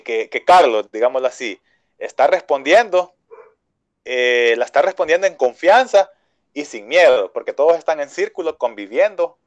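A man with a Salvadoran Spanish accent, speaking at a middle pitch. He explains his method patiently, with plenty of fillers and self-corrections. The sound is close and dry. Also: no room sound. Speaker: English school owner. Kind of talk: interview answers, explaining a teaching method.

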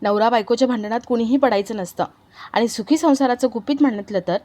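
A jovial uncle who makes light remarks about married life, voiced by a woman in her own fairly high register. His lines are playful and joking. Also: fairly quick, warm tone, lightly acted.

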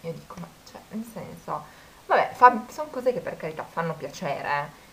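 Woman in her twenties, casual chat, slightly low pitch. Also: lively intonation, normal speed, gravelly, poor audio. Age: 20s. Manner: chatty storytelling, quoting people. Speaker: vlogger.

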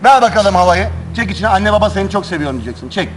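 A man's voice: high-pitched, racing. A man hosting a live show with informal, teasing banter, joking with the participants. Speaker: show host. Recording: live show, music and crowd behind. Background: music and a lively crowd.

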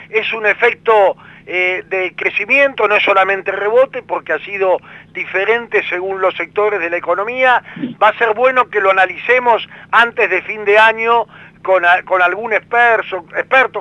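A man with a Rioplatense Spanish accent hosting a radio interview, with a high, bright and sharp voice. He speaks deliberately and hesitates now and then. The sound is dry and a little dull. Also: no echo. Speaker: radio host.

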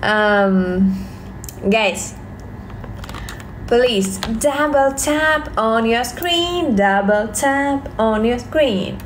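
A young Russian-accented woman chats on a phone livestream from her home, thanking viewers over and over. Her voice sits a little high and her English comes slowly, broken up by fillers. A faint hum of room ambience lies underneath. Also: expressive. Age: young adult. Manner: slow halting English with many fillers and repeated thanks. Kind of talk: live stream chat reading viewer comments. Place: home, indoors, small room. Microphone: phone at arm's length.

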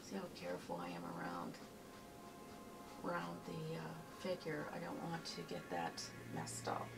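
Her voice is low and sing-song with vocal fry, and her Pittsburgh accent shows as she softly guides viewers through a step-by-step painting lesson indoors in her home art studio. She takes her time, murmuring to herself while she paints. The sound comes from a distant camera mic behind her, with faint music audible.

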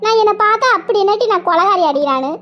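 Brief: woman playing a cartoon wife, lamenting in a sing-song wail, shrill and high, dull lo-fi sound. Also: animated, fast talker. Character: nagged married village woman wailing about in-laws. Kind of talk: cartoon voice acting. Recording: muffled lo-fi recording.

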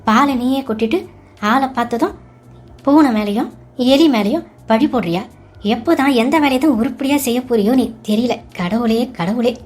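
Cartoon part: shrill, insulting older mother-in-law, high-pitched scolding, a woman voicing her. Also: moderate pace, darkish tone, lightly acted. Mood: angry scolding. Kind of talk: cartoon voice acting.

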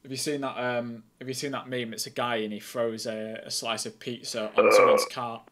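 A young man streaming as an air traffic controller, chatty and excitable between calm, clipped radio instructions. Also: medium pitch, normal speed. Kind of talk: casual streaming chat and radio calls.

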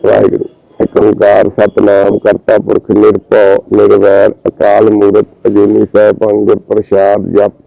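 A man reciting a prayer in a slow, steady chant. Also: on the low side, vocal fry, no echo. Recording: dull lo-fi sound.

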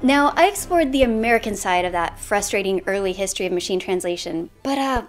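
A woman's voice: medium pitch, lively intonation, fairly quick, faint music behind. A woman hosting an educational video series, narrating a scripted explainer with playful, punchy, self-mocking asides.

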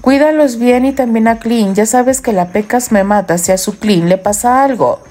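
A woman's voice: fairly high pitch, normal speed, mellow, natural voice. A woman voicing a playful, affectionate young husband who teases his wife in an audiobook romance. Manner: teasing, affectionate.

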